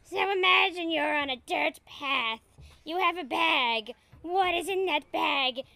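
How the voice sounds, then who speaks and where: A woman's voice: extremely high pitch, measured pace, creaky, sharp tone, no room sound, voice pushed up, heavily acted. A young woman putting on a sweetly sinister, sing-song meditation guide voice. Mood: creepy sweet.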